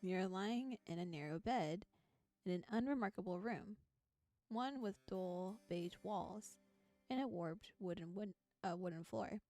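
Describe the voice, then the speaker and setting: A woman with a warm, mid-range voice reads a visual novel aloud on stream at a slightly slow pace, narrating the text and breaking into chatty, giggly, playful asides. It's narration mixed with casual live commentary, recorded dry with background music playing behind her.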